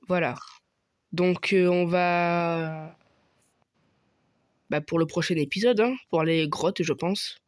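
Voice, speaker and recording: A man's voice: high voice, no room sound. A young man giving casual commentary over his own gameplay, thinking aloud with many hesitations and fillers. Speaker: gaming youtuber.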